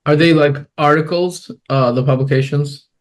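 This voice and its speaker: A man's voice: on the high side, fairly even intonation, moderate pace. A young man hosting a podcast interview, chatting in a casual, upbeat way with lots of fillers. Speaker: podcast host and biology student.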